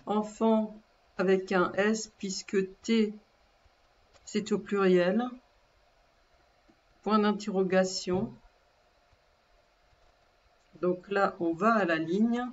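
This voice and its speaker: Woman teacher reading a dictation, deliberate and repetitive, mid pitch, muffled recording. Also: steady tone. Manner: slow and deliberate, repeating and spelling words aloud. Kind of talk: dictation lesson.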